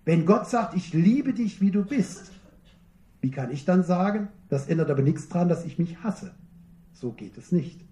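High-voiced preacher in an echoey room. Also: male voice, animated, dark tone. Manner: earnest, emphatic, slows down on key phrases. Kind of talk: sermon.

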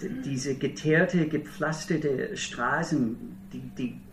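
A man from Minnesota, middle-aged, gives a sermon in German with an American accent, his fairly high voice taking a slow pace. Earnest storytelling mixes with wry humor, captured distantly in a large hall with a little hiss or hum.

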